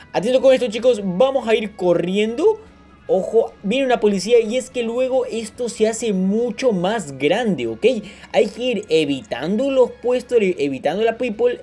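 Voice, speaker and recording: A man hosting a gaming channel, giving casual, excitable gameplay commentary with many exclamations and filler words. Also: high voice.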